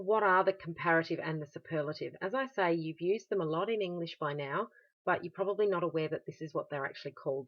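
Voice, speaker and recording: Low-voiced Australian teacher explaining grammar. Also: female voice, highs cut off. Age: adult. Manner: patient, explanatory, with frequent "um" fillers. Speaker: German teacher. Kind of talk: recorded classroom explanation.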